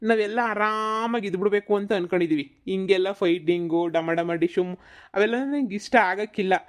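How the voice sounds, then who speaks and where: A man's voice: high-pitched, normal speed, natural voice. A man voicing a laid-back, teasing male ghost in a cartoon, who calls his friend darling.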